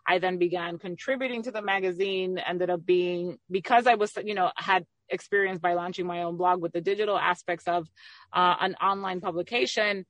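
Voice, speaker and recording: A middle-aged woman from the Dominican Republic, a magazine owner and entrepreneur, speaks as a guest in a conversational interview, talking candidly and at length. Her voice is fairly low, steady, a bit bright and fairly quick, recorded with no room sound.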